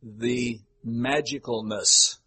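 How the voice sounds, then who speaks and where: An older man preaching a sermon to his congregation in a conversational, folksy way, wandering into asides and gentle humor. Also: mid-range voice, steady tone, drawn-out words. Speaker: pastor.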